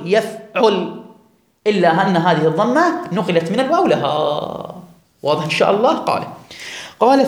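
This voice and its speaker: A man teaching a classroom grammar lesson, drawing out and repeating words for his students. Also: high voice. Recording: echoey room.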